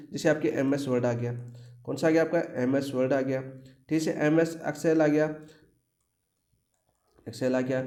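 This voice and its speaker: A man's voice: a little high, darkish tone, roomy sound. A man teaching an exam-prep lecture who keeps asking the class questions and answering them himself.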